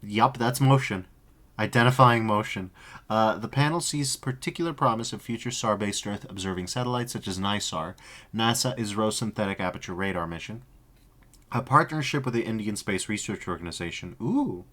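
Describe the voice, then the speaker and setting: A man with a lowish voice reads a dense report into his desk mic in a flat, steady way. Every so often he breaks off to swear and joke with a co-host. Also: moderate pace. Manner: reads report text flatly, breaks off for profane jokey asides. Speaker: streamer. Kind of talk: casual stream commentary reading a report aloud.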